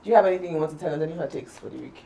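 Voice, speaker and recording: A woman's voice: low-pitched, rapid-fire, vocal fry, dark tone, a little hiss or hum, low-quality recording. A young woman from Nigeria co-hosting a casual podcast chat, talking with heated emphasis. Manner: impassioned, emphatic. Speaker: podcast co-host.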